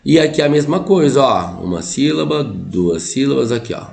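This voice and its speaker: A man's voice: mid-range voice, moderate pace, creaky. A man teaching a Brazilian Portuguese grammar lesson, pointing things out on the board and checking in with his students after nearly every phrase. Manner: lively, keeps checking in with "tá?" and "ó". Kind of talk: online grammar lesson at a whiteboard.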